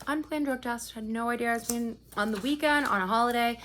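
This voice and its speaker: This adult woman is a parent and vlogger recounting a custody fight, ranting heatedly and profanely to the camera. Her voice sits on the high side with a fairly bright tone, she talks fast, and there's a little hiss or hum. She keeps tagging her points with "right?"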